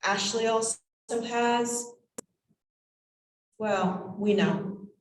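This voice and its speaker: A woman acting as a seance medium in trance, voicing a cryptic, whimsical spirit guide in halting, measured phrases. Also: a little high, fairly even intonation. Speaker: channeling medium. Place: indoors, draped room. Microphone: distant camera microphone. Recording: roomy echo, distant microphone.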